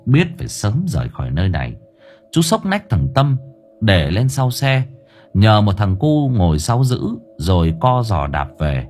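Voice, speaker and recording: A man narrating a ghost story in an expressive, lively storytelling manner. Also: fairly low pitch, a little slow, soft background music. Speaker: audiobook narrator.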